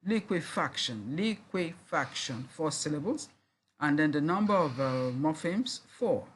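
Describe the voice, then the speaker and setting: A university lecturer giving a recorded lesson, talking slowly and deliberately, repeating each word to sound it out and spelling out letters. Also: mid-range voice, expressive, a little hiss or hum.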